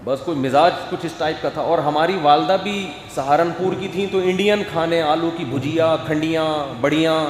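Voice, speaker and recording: A man preaches in a lively, storytelling way, his somewhat raised voice jumping from forceful emphasis to quiet asides as he acts out family scenes. He is heard in a lecture hall with roomy echo and a long reverb tail. A faint ambient hum sits beneath him. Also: a little high. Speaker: Islamic scholar giving a talk.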